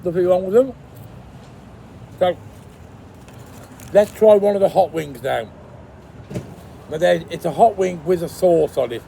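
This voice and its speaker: Casual male food reviewer, talks while chewing, creaky and mellow delivery, faint ambient noise behind. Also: high voice, measured pace, long pauses. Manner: chewing and eating while talking.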